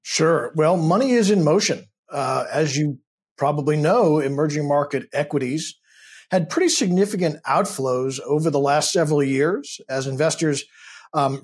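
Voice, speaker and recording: A man who is a guest expert in a studio, explaining investment flows in a steady, measured way with frequent fillers. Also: a little high, husky. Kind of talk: explanatory interview answers.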